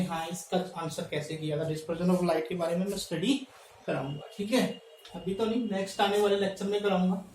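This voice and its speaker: A male teacher giving a classroom chemistry lecture. He addresses students as "beta" and keeps checking in with "thik hai", slowing down to dictate terms. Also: sits high, a little mellow, a little hiss or hum. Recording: echoey room, mic at a distance.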